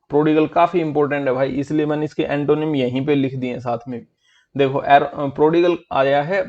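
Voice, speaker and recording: A man's voice: mid-range voice, darkish tone, highs cut off. A man teaching an online vocabulary class for exam prep, in a chatty, friendly way that mixes Hindi and English.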